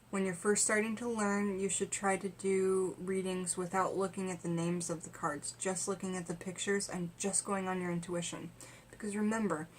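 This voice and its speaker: A woman's voice: medium pitch, a little hiss or hum. A woman vlogging about tarot from home in a rambling, conversational way, full of fillers and restarts. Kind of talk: casual chat.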